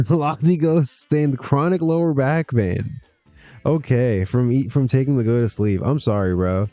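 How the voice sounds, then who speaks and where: A man's voice: medium pitch, a little slow, warm tone, no room sound, faint music behind. A man streaming a wrestling management game, chatting casually to himself, laughing often as he reacts to results. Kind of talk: casual gameplay commentary.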